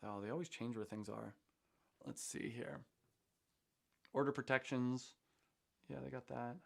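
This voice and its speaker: A man's voice: mid-range voice, a little slow, gravelly. A man hosting a casual livestream, chatting loosely about manufacturing and plugging his course. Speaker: host.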